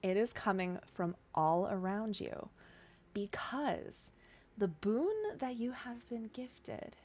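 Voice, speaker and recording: A woman's voice: mid-range voice, slow, darkish tone. A woman working as game master, casually narrating a tabletop game and chatting with players.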